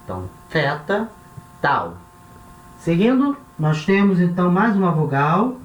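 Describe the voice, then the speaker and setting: Brazilian male teacher, slightly high voice, slow and patient, repeats each sound, echoey room. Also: sing-song, lo-fi sound. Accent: Brazilian Portuguese. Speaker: language teacher. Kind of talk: classroom-style lesson.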